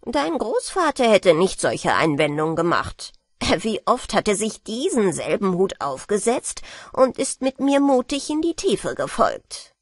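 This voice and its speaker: A woman's voice: medium pitch, very animated, unhurried, no echo, clean studio sound. Woman reading as a sly old merman. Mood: sly, hearty. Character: old male merman, sly, hearty, fond of brandy.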